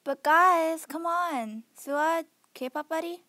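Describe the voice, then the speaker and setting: A woman voicing an excitable, stubborn teenage girl in a cartoon, exclamatory and a bit whiny. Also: very high-pitched, slow, dry recording, heavily acted. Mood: eager. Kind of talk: acted cartoon dialogue.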